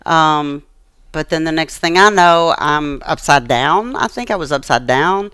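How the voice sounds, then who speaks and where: An American woman, a guest in an interview, tells personal stories in an earnest, emphatic way, repeating phrases to stress them. Her voice sits low and is fairly bright and smooth, delivered unhurriedly with no echo.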